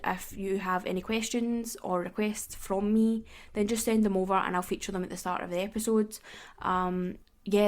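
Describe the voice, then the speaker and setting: A woman with a Glaswegian Scottish accent, hosting her podcast in a casual, rambling chat full of "kinda" and "like". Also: mid-range voice. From Glasgow, Scotland. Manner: chatty and rambling, with many "kinda" and "like" fillers. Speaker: podcast host.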